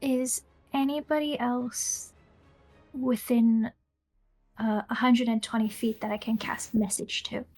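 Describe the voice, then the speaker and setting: A woman's voice: a little high, flat delivery, takes it slowly, a little mellow, soft background music. A woman talking casually as a player at a tabletop game.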